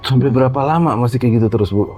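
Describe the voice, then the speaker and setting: A man's voice: medium pitch, very fast, a little mellow, husky, soft background music. A male podcast host who keeps to brief, encouraging questions and interjections. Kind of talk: interview prompts.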